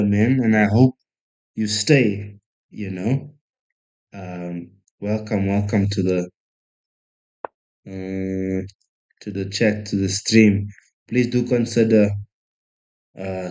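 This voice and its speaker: In casual live-stream commentary, a man from South Africa plays chess while thinking aloud and joking about himself with viewers. His voice has a fairly low pitch and a darkish tone.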